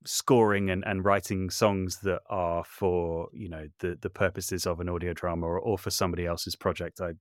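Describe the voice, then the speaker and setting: This composer and voice artist, a guest on a podcast, has a deep voice with a level tone and a moderate pace, barely pausing. The studio sound is clean, with no echo. He is talkative and self-deprecating, frequently breaking off and starting his sentences over.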